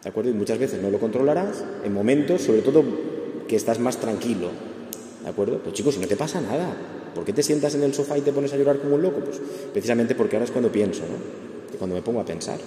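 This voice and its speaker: A man's voice: medium pitch, animated, fast, dark tone. A man giving an earnest, conversational talk to an audience, often checking in with short tags. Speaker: speaker giving a talk on grief. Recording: echoey hall, faint background noise.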